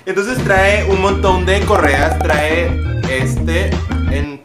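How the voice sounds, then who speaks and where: Man vlogger, fairly high voice, playful and self-mocking, roomy echo with loud music behind. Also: very slow. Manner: joking, self-mocking, rambling. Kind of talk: casual vlog unboxing. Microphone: phone camera.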